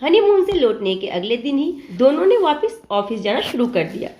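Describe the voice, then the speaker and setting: A woman narrating an emotional family story in an expressive, dramatic storytelling manner. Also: high voice, moderate pace, a little hiss or hum.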